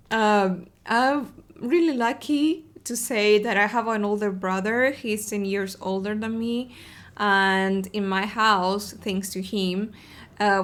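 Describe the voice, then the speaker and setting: A young woman from Argentina speaks with an Argentine Spanish accent, taking her time and pausing with ums as she tells her story. Her voice sits at a middle pitch, and her friendly, casual manner suits the opening episode of a video podcast. She often restarts a phrase before going on. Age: young adult. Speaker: video podcast host, web developer advocate. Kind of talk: casual personal storytelling to camera.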